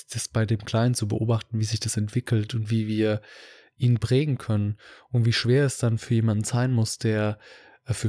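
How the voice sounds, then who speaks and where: A man's voice: on the low side, dark tone, dry recording. A man talking casually and hesitantly, searching for words with many fillers. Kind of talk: casual podcast talk.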